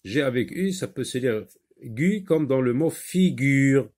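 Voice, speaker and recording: Slow, patient male phonics teacher. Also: mid-range voice, lively intonation, a little mellow. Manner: slow, patient, repeats words and syllables. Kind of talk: French phonics lesson for children.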